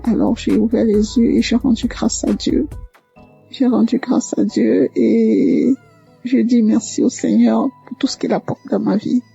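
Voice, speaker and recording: A woman telling her personal faith testimony, hesitant and halting, full of fillers and restarts. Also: a little high, fairly even intonation, creaky, husky. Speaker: testimony caller. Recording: muffled lo-fi audio with soft music.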